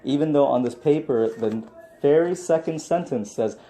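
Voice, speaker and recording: A man's voice: on the high side, moderate pace, warm tone. Insistent young man, muffled hidden-wire recording. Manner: insistent, argumentative. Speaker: patient disputing his medication. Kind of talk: tense argument in a meeting.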